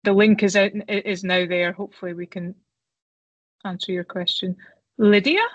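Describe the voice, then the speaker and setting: A woman's voice: mid-range voice, little pitch movement, moderate pace, no room sound, highs cut off. A woman fielding questions in a webinar, talking with frequent ums and restarts. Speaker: academic panelist hosting a webinar. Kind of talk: webinar Q&A talk.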